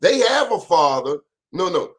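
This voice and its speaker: A man's voice: sits high, big pitch swings, unhurried. A man hosting a casual interview, playful and teasing, with slangy talk. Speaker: host.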